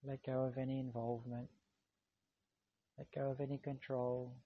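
Man leading a meditation, slow soothing voice, kinda husky, bit muffled lo-fi recording. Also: mid-range voice. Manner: calm, slow, soothing instructions. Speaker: meditation guide. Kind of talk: guided meditation.

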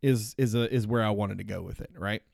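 A man's voice: lowish voice, steady tone, fairly quick, gravelly, darkish tone, no echo, clean studio sound. A man hosting a podcast, talking naturally and informally without a script, with a joking manner. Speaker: podcast host. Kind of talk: natural unscripted talk.

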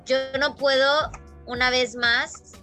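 A Mexican woman guest telling stories in a casual chat, animated and full of fillers. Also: high-pitched, takes it slowly, soft background music. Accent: Mexican Spanish. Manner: animated storyteller, many fillers.

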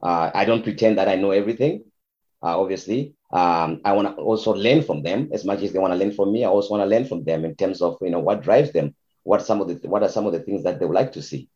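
Deep-voiced man from Zimbabwe, halting speech. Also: a little mellow. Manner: halting, many fillers and repeated words. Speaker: youth soccer head coach. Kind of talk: interview answers. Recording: dull lo-fi sound.

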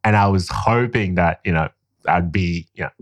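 A young man from Liberia who grew up in Guinea appears as a podcast guest, telling stories in a casual, rambling chat packed with fillers. His voice sits low and moves at normal speed, with no echo.

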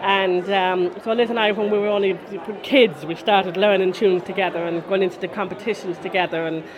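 Recorded in lo-fi sound with a post-concert crowd murmuring behind, a folk musician in her forties from Connemara speaks in a steady, mid-range voice at a fairly quick pace. In a casual interview, she rambles through stories in her west of Ireland accent.

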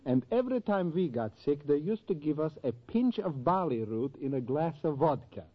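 Animated, theatrical Professor Kropotkin. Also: male voice, fairly high pitch, moderate pace. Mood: affectionately teasing. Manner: theatrical, effusive. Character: flamboyant, wisecracking old European professor, fondly teasing. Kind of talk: 1940s radio sitcom acting. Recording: dull 1940s radio recording.

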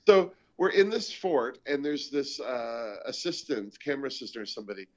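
Canadian comedian host, lively storyteller, lo-fi. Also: male voice, medium pitch, normal speed. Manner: animated storytelling, acts out quoted voices. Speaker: comedian and show host, guest. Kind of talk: casual chat, storytelling. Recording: dull lo-fi audio.

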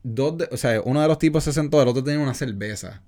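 A man's voice: mid-range voice, fast talker, darkish tone. A young man, casually telling a story on a podcast in a slangy, rambling way full of fillers. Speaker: podcast co-host.

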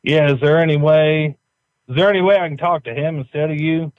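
A man's voice: a little high, steady tone, a little fast, no room sound. A man on a phone call, joking along and growing bewildered as he talks from his truck. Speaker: prank call target. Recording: muffled phone line.

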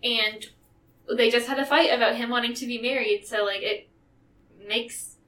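A woman's voice: fairly high pitch, fairly even intonation, normal speed, sharp tone, far from the mic. A young woman co-hosting a casual podcast chat, laughing often and filling her talk with "like". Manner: chatty, laughs often, heavy use of "like". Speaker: podcast co-host. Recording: echoey room, away from mic.

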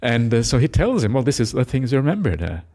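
This mid-range male voice belongs to a Buddhist monk from Norway, middle-aged, speaking quickly with big swings in pitch. His Dhamma talk is reflective, sprinkled with soft laughter and hesitant fillers, and his lines often end on a questioning "eh?".

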